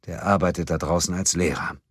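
A man voicing a reluctant male colleague who speaks hesitantly and quietly in an audiobook. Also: low-pitched, fairly even intonation, fairly quick, no room sound, studio quality.

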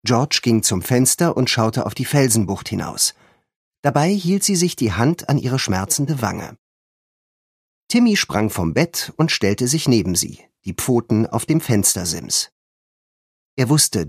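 Slow, husky male storyteller. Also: mid-range voice, no echo, studio quality. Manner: calm, expressive storytelling. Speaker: narrator. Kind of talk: children's audiobook narration.

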